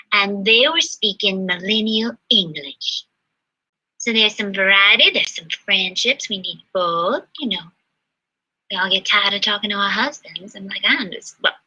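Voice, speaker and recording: A woman performing a solo comedy monologue, chatty, swinging between loud exclaims and hushed asides. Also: medium pitch. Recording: dull lo-fi livestream sound.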